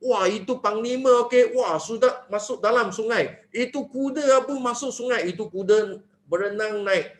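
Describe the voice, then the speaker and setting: Man, high voice, animated sales presenter who keeps asking rhetorical questions, echoey room. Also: moderate pace, few pauses. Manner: animated, mixing in English phrases, asks rhetorical questions. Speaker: network marketing presenter.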